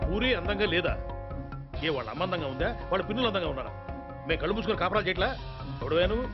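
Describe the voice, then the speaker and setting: A fast, teasing joker. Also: male voice, high voice, animated. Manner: playful, mock-serious, quick talker. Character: joking middle-aged man teasing a crowd of women. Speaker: film character. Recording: dull lo-fi film soundtrack, faint music.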